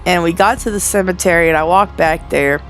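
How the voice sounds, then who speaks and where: A young woman in her twenties chats through a casual storytime voiceover, rambling with lots of fillers and self-corrections. Her voice sits a bit low for a woman. Soft music plays quietly behind her. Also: fairly quick. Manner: chatty and rambling, frequent fillers and restarts. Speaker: storytelling narrator. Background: faint background music.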